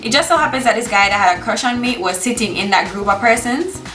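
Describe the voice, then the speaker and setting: A roomy, echoey recording with music behind a young woman telling a casual story. She has a strong Jamaican accent and slips into Patois, in a high, bright, forceful voice. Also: lively intonation, quick pace. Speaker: storytime vlogger.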